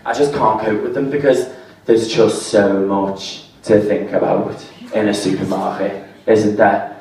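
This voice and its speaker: A man doing a stand-up set, deadpan at times and rising into exasperated rants. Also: lowish voice, measured pace. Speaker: stand-up comedian. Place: comedy pub venue with audience. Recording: echoey room, voice from far off.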